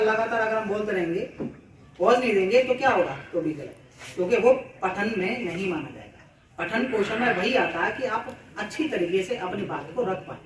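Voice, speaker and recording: In a school meeting room, a high-voiced man gives a presentation to other teachers at a cluster meeting, with background noise present. He speaks far from the mic in an echoey space, explaining at length, repeating words and relying on everyday examples.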